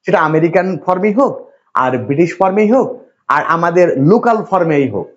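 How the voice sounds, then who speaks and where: A man's voice: sits high, animated, fast talker. Man teaching a class in a lo-fi recording. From Bangladesh. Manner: asks the class questions, repetitive and reassuring. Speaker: English teacher. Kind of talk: classroom lecture.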